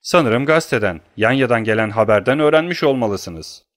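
A middle-aged banker, as a male audiobook reader puts him on, scared yet bristling, protesting defensively and with agitation. His voice is pitched above the narration and is a touch louder. The sound is dry and close, with no room echo. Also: lively intonation, normal speed, close to an everyday voice. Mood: indignant. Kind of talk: audiobook character reading.

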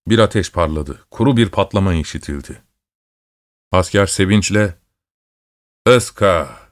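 A man narrating a story in a steady, measured storytelling voice. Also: low voice, dry recording, clean studio sound. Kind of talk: scripted narration.

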